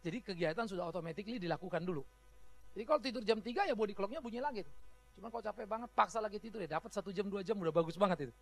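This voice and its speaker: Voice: mid-range voice, very fast. A pastor preaching a sermon in a chatty, humorous way, often laughing while talking. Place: church.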